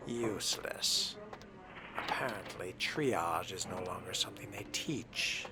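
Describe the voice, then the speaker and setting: Over music, a man gives in-character commentary narrating a role-playing game, sounding pompous and disdainful with formal language. His voice is low and animated, and his pace is slow.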